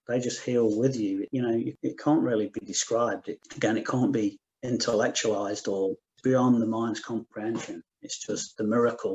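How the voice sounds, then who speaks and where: A middle-aged man gives his personal testimony to a spiritual gathering in a slightly low voice. He speaks softly and earnestly, often restarting sentences and leaning on the word "just." His delivery stays unhurried and sincere throughout. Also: rough recording. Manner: soft-spoken, many restarts and repeated "just". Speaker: guest speaker.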